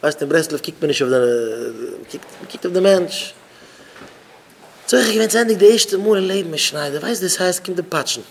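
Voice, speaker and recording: A man's voice: on the high side, expressive, moderate pace, creaky. Rabbi, man, slightly raised voice, repetitive questioning delivery, talking to students at a Shabbat gathering, faint noise behind. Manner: repetitive, questions listeners by name. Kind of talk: informal Shabbat gathering talk.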